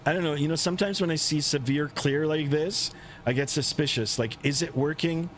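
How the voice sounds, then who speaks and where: Over the constant rumble of an aircraft engine, a man commentates casually on his flight simulator livestream. His phrasing is halting and broken up by pauses.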